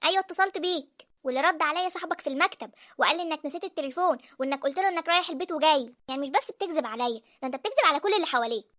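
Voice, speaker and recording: A woman in her thirties voicing a suspicious, fed-up wife in an Egyptian cartoon, with an Egyptian accent and a sharp, accusing manner. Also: sits high, expressive, racing, few pauses. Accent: Egyptian Arabic. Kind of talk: cartoon voice acting.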